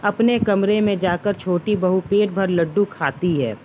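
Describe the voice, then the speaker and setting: A woman storyteller reads out a family tale at an unhurried, measured pace. Her pitch sits in the middle range. The narration is steady and scripted. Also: a little hiss or hum, rough recording.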